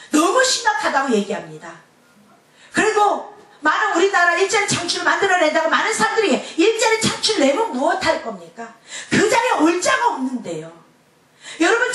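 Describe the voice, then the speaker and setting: A woman pastor preaching a Sunday sermon, animated, dropping to a soft hush at times. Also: very high voice. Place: church sanctuary. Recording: echoey church hall, mic far off.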